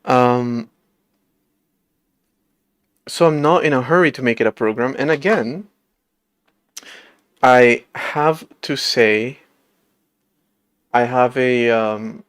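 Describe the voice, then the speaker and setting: A man's voice: medium pitch, takes it slowly, long pauses, a bit bright, clear, resonant tone, no room sound. Late-twenties male streamer, mid-range voice, dry close sound, casual self-deprecating rambling. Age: late 20s. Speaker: livestreamer coding an operating system. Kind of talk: casual livestream chat.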